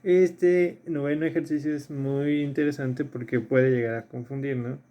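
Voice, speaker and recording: Un hombre, profesor de filosofía, da una clase a distancia y repasa ejercicios paso a paso. Repite los términos clave y pregunta "¿sí?" a menudo. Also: male voice, mid-range voice, fairly even intonation, moderate pace, dark tone. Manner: explains step by step, repeats key terms, checks in with "¿sí?". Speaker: philosophy teacher. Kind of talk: recorded remote lesson reviewing exercises.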